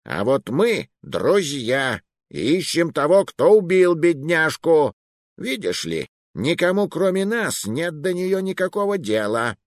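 A man's voice: on the high side, lively intonation, normal speed, no echo, studio quality, voice pushed up, lightly acted. Man playing a brash, swaggering bruiser. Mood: menacing sneer. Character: rough, swaggering burly man, blunt and brash.

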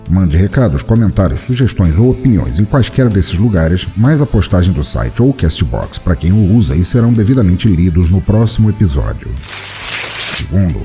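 Reading notices and thanks for his audio drama podcast, this deep-voiced host speaks with a Brazilian Portuguese accent. His delivery is theatrical with a playfully dark edge.

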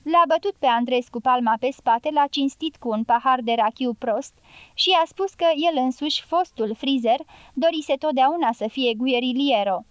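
A woman reading a novel aloud as an audiobook narrator, in measured scripted narration that lightly voices the dialogue. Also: sits high, no room sound.

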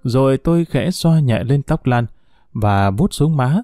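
A man narrating a first-person story in a calm, measured way. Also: mid-range voice, dry recording, studio quality, soft background music.

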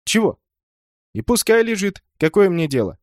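A man's voice: high voice, very animated, normal speed, no room sound, clean studio sound, voice pushed up. A man voicing a sly, cheeky boy who mocks and laughs at others. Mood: mocking. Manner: mocking, laughing.

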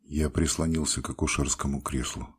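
A man reading a literary story aloud in the first person, measured and expressive. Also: a bass voice, slightly rough. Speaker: audiobook reader. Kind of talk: scripted literary narration.

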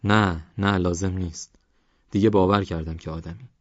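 A man's voice: deep voice, fairly even intonation, no room sound. A man voicing a frightened old wandering dervish, pleading in a raised, fearful voice. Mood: wary. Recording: dry, slightly dull recording.

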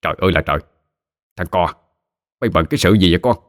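A man plays a frantic village uncle who rushes in shouting warnings. The voice is low and dry. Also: dry recording, natural voice. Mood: urgent.

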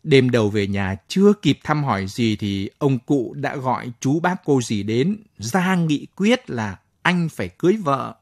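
A man narrating a late-night audio story in a calm, measured way. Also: mid-range voice, no echo, clean studio sound. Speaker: story reader.

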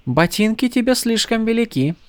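A man reading an audiobook voices a sharp, worldly woman con artist who scolds briskly. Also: on the high side, expressive, dry recording, voice pushed up, close to an everyday voice. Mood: amused. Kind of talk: audiobook character voice.

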